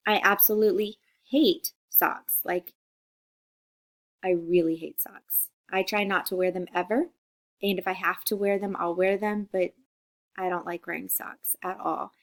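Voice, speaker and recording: A woman's voice: lowish voice, fairly even intonation, unhurried. Chatty woman teacher from Costa Rica. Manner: friendly, chatty, checks in with "okay?". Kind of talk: recorded class introduction video.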